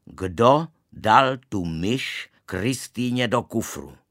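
A man reading out an angry father, shouting, strained high voice, storybook, dry recording. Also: expressive, no echo, natural voice. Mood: stern. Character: shouting startled father, middle-aged man.

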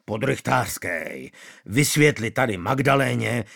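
A man's voice: mid-range voice, lively intonation, creaky, fairly bright tone, exaggerated voice. A man voicing a blustering middle-aged town official who pleads for help. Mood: pleading. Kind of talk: audiobook character voice.

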